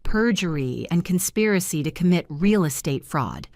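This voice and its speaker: A woman's voice: lowish voice, moderate pace, no echo, studio quality. Stern male sheriff, as a woman narrator puts him on. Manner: flat, official.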